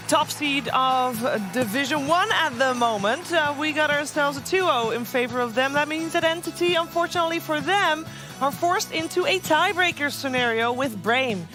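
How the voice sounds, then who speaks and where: A woman hosting an esports analysis desk, guiding the talk from one analyst to the next. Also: high voice.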